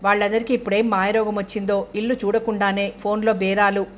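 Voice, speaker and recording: A woman's voice: medium pitch, flat delivery, a little fast, natural voice. A woman voicing a grumbling retired old man who is irritated with his wife.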